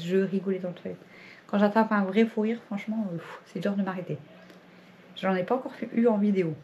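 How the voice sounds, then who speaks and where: A family vlogger at home chats casually to her viewers on camera, rambling and laughing often. Her voice is lowish with a dark tone, and there is slight background noise.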